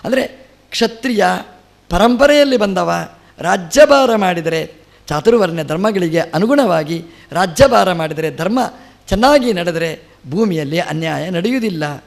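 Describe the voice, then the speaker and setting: Speaking at a measured pace, this middle-aged man has a high-sitting, gravelly, animated voice. He is a religious teacher delivering a spiritual talk, telling a story from scripture with dramatized quotations and mounting emphasis.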